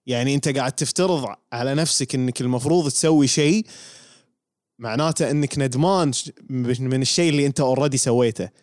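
A man's voice: medium pitch, fast talker, darkish tone, no echo, studio quality. Patient Kuwaiti man explaining. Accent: Kuwaiti Arabic. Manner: explains patiently, checks that he is understood. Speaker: podcast co-host. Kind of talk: casual chat.

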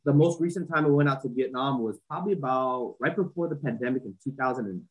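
Heard on a low-quality recording, a husky, mid-range male voice talks fast. He's a fashion entrepreneur in his forties, raised in Southern California, and as a podcast guest in a casual interview he rambles, restarting often and leaning on fillers.

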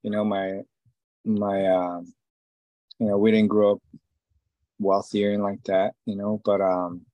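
Low-voiced man from Israel chatting loosely. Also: little pitch movement, measured pace, dark tone, no echo. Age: 40s. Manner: rambling, many fillers and restarts. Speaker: tattoo artist. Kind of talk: casual interview talk.

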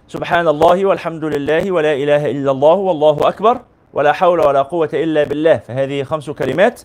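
A man teaching as a sheikh, reading a classical religious text aloud and explaining it in colloquial asides. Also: a little high. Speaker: sheikh teaching a hadith book.

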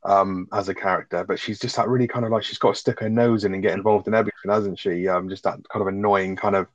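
A man's voice: lowish voice, fairly even intonation, fast talker, no echo. A man chatting casually about a TV episode, opinionated and swearing freely. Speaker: podcast co-host. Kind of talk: casual recap chat. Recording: dull, dry sound.

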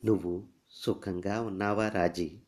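A man's voice: deep voice, steady tone, a little slow, darkish tone. A man reading a story aloud, voicing a lovesick young army officer who pleads earnestly. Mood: pleading.

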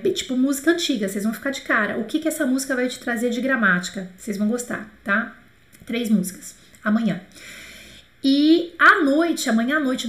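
A woman with a Brazilian Portuguese accent teaching a live online French lesson, chatty and lively, slowly repeating phrases for students to drill. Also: on the high side, roomy sound.

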